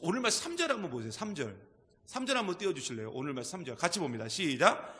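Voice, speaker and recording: A male pastor preaching a sermon with emphatic delivery, dropping to quiet asides and rising to shouts. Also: a little high, very animated, quick pace, long reverb tail. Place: church sanctuary.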